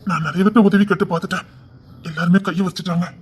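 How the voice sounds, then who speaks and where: A man's voice: high voice, fairly even intonation, quick pace, breathy edge. A man voicing a desperate elder brother, a former bodyguard, who begs over and over with emotion, in a Tirunelveli Tamil accent. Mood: pleading. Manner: begging, repetitive, emotional.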